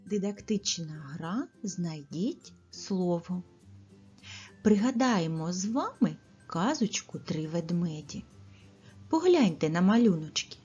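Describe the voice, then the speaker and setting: A woman teacher speaks slowly and clearly to little children, her voice slightly husky and her pitch rising and falling a great deal. The recording sounds dull and lo-fi, with faint music underneath. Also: animated, dark tone. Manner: slow, carefully articulated, pauses for children's answers. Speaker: preschool teacher. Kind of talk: speech lesson for young children.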